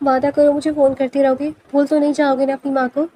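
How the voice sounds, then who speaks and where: A woman's voice: high voice, flat delivery, mellow, a little hiss or hum, close to an everyday voice. A woman voicing an anxious, pleading mother who fears for her son, in a storybook reading. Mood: pleading worried. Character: tearful worried middle-aged mother.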